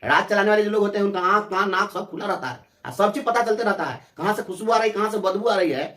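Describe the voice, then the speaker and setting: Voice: mid-range voice, quick pace, fairly bright tone, reverberant. Fiery sarcastic speaker with a Bihari accent. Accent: Bihari Hindi. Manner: fiery, sarcastic, repeats phrases for emphasis. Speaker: teachers' representative. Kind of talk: impassioned interview answer.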